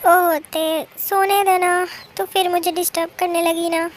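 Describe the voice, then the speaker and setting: A woman's voice: extremely high pitch, flat delivery, a little slow, a little hiss or hum. A woman voicing an irritable, sleepy young woman roommate who brushes off her friend in a fan-made drama dub. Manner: irritable, dismissive.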